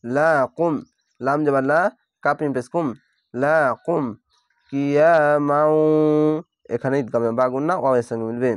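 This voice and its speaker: A man teaching Quran reading in Bengali, spelling out each letter and vowel mark before blending the full word, with calm step-by-step explanations. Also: mid-range voice, quick pace, no room sound, studio quality. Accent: Bangladeshi Bengali. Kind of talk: slow spelled-out recitation lesson.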